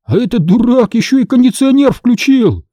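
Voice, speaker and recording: A man's voice: very high voice, lively intonation, moderate pace, warm tone, no echo, pitched above the performer's own voice. A man voicing a teasing, mocking boy in a storybook reading.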